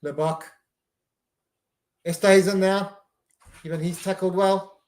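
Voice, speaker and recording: A man's voice: high voice, steady tone, measured pace, darkish tone, roomy sound. Chatty man doing live match commentary. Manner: chatty, reacts to each play. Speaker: live stream host.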